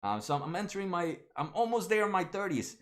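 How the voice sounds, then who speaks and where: He's a stock market livestream host in his late twenties, casually working through viewer comments and naming viewers as he goes. His high, fairly bright voice is very animated and quick, riddled with fillers and restarts.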